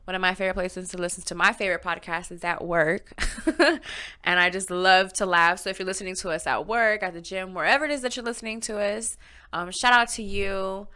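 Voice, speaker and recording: A woman's voice: mid-range voice, brisk, bright, forceful tone, clean tone. A young woman hosting a casual podcast, bubbly and laughing often between her sentences. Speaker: podcast host.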